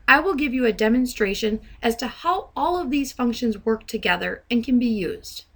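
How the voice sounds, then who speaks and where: A woman working as a software trainer narrates a demonstration in a fairly high voice, as voice-over to a screen recording. She's methodical and instructive, enunciating each dictated command.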